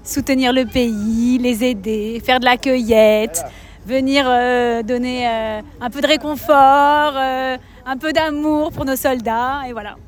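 A woman's voice: high-pitched, steady tone, takes it slowly. A woman from France, a volunteer, answering a street interview outdoors in an earnest way.

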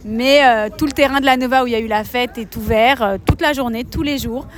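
Casting: earnest French woman volunteer, fairly high voice. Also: brisk, crowd noise. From France. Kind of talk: street interview.

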